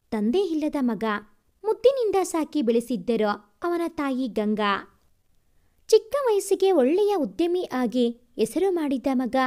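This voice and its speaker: A woman storyteller narrating a romantic family story in a steady, expressive reading style. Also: sits high.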